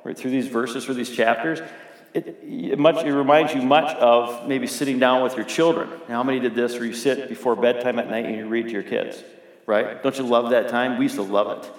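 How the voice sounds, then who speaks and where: A man's voice: mid-range voice, fairly even intonation, fairly quick. A middle-aged man preaching a sermon as pastor, talking conversationally and putting questions to the congregation. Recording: echoey hall with long reverb.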